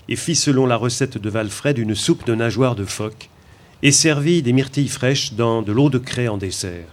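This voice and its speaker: A man narrating a story as a scripted audiobook reading, with a measured storytelling delivery. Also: medium pitch.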